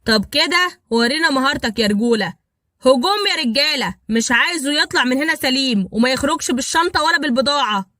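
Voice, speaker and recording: A scheming gang boss played by a woman taunts in Egyptian Arabic, sly and quick to bark orders. The delivery is very fast and dry, as in a read-aloud storybook. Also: fairly high pitch, lively intonation, a bit bright, dry recording. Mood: furious. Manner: sly, then barking orders. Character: scheming hot-tempered male gang boss.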